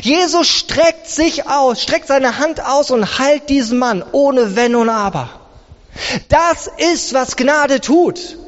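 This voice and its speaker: A man preaching a sermon, emphatic, with his pitch swinging from high to low. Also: slow pace. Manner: emphatic, rises and drops sharply in pitch. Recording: reverberant hall, dull sound.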